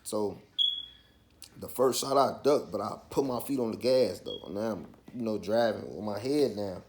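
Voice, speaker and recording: A low-voiced man with a Chicago accent tells his story casually. His voice has a heavy gravelly creak, and he talks in street slang, often tagging his phrases to check that the listener follows. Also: normal speed, a little mellow, a little hiss or hum. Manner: slangy, with frequent checking tags like "you feel me". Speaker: vlogger.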